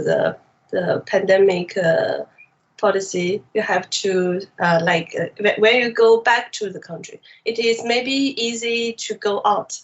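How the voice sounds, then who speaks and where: A woman from China, a native Mandarin speaker with a Mandarin accent, appears as an animation director guest, answering interview questions in careful English with many hesitations. Her voice is medium-pitched, and the recording has its highs cut off.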